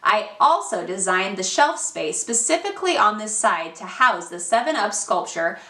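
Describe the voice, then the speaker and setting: A woman's voice: medium pitch, sing-song, normal speed, bright, forceful tone. A woman hosting a renovation show, narrating a scripted vlog in a chatty, gushing, upbeat way with folksy slang. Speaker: host of a home renovation show. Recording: roomy, distant, faint hiss.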